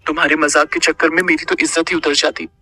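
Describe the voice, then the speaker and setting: A man's voice: fairly high pitch, flat delivery, fast talker, pushed and bright, exaggerated voice. A man doing a playful, nervous young man. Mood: light.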